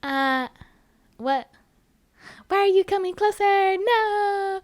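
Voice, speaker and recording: A timid young woman, flustered and stammering, pitched a little higher than ordinary talk, as a woman puts her on. She trips over her words and sounds easily frightened. A clear, smooth voice in a comic retelling. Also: unhurried, a bit bright, no room sound, clean studio sound, natural voice. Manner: stammering, hesitant.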